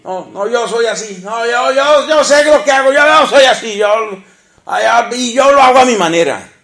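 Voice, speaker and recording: A man's voice: very high voice, lively intonation, normal speed, pushed and bright, reverberant, voice pushed up, heavily acted. A male preacher voicing a stubborn, proud man who insists on doing things his own way, with a whiny, stammering delivery.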